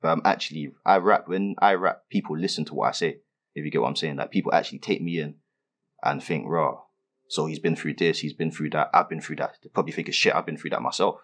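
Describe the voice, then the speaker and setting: Brief: young London rapper, very low voice, quick slangy answers. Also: male voice, a bit bright. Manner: laid-back street slang, many fillers. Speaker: rapper being interviewed. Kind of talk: casual interview answers.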